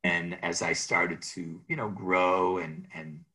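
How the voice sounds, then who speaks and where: A man who works as a real estate agent, telling rambling, animated stories about his career in an interview. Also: sits low, slow. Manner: rambling, restarts, animated anecdotes. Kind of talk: storytelling in an interview.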